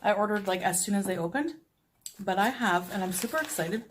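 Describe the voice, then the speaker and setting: A woman food vlogger talking excitedly in a review video, heard on a clip whose audio crackles and cuts in and out. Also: mid-range voice, brisk. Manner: excited, chatty. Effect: audio crackling and cutting in and out.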